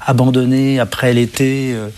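A man from France, a guest author in a television interview, who speaks haltingly with many restarts and fillers. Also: medium pitch, little pitch movement, darkish tone.

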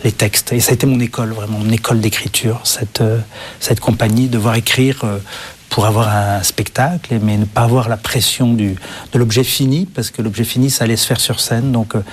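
A man from France, a guest author in a television interview, who speaks haltingly with many restarts and fillers. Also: medium pitch, fairly even intonation, slight background noise.

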